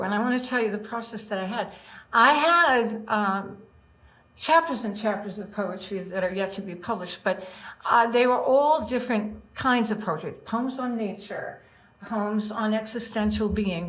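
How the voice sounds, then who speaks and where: A woman's voice: mid-range voice, animated, moderate pace, fairly bright tone, low-quality recording. Chatty older woman at an open mic. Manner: chatty and digressive, often addressing the audience directly. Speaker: open mic poet, retired teacher. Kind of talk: casual spoken introduction to her own poems, with short recitations.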